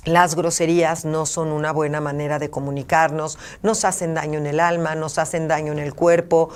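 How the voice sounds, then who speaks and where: A woman's voice: sits low, little pitch movement, normal speed, a little mellow. A middle-aged woman, a parenting therapist giving an emphatic talk full of rhetorical questions and lists.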